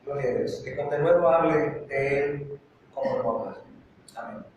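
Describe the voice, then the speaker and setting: A man's voice: on the high side, moderate pace, a little mellow. A male pastor preaching a sermon in a church, fervent and building to urgent repeated exhortations. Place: church sanctuary. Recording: very echoey church, voice from a distance, faint noise.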